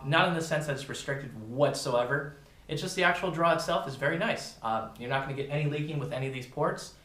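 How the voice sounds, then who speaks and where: Fast-talking man reviewing in an echoey room. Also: medium pitch, a bit bright. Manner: informal, addresses viewers as "you guys". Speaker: product reviewer. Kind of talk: casual video product review.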